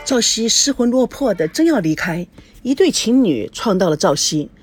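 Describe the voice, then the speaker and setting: A woman's voice: fairly high pitch, sing-song, normal speed, faint music behind. A woman narrating a novel as an audiobook, reading every part herself. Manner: plain storytelling, reads every part herself.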